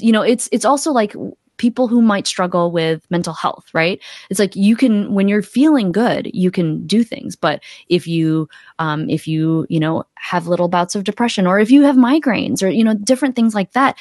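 A middle-aged accountability coach speaks at a normal speed in a medium-pitched, slightly mellow voice, recorded cleanly with no room sound. She's a guest on a casual podcast interview over video call from a small home room, sharing her experiences and opinions into a close desktop podcast mic.

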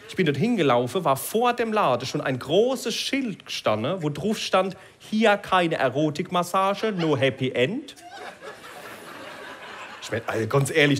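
A male stand-up comedian with a broad Palatinate accent, chatting easily on a live stage and dropping gell into his sentences. His voice is fairly high and swings through a lively range, with a faint room hum behind. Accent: Palatinate German. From Palatinate, Germany. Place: live stage before an audience.

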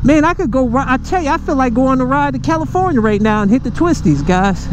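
A man vlogging while riding a motorcycle, chatting excitedly and casually to viewers from his helmet mic. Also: very high-pitched, a little fast. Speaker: motovlogger. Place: riding a motorcycle outdoors on city streets. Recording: helmet mic with road and engine noise. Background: engine and wind noise.

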